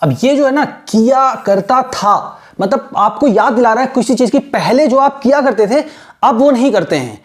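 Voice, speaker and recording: A man teaching an English lesson in mixed Hindi and English, asking rhetorical questions and repeating words slowly to show how they are pronounced. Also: very high-pitched, expressive, a little mellow. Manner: asks rhetorical questions and answers them.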